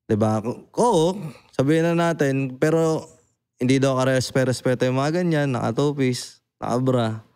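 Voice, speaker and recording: A young adult man hosting a casual podcast chat, animated and blunt, swearing freely and often asking "di ba?". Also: mid-range voice, normal speed, clean tone. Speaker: podcast host.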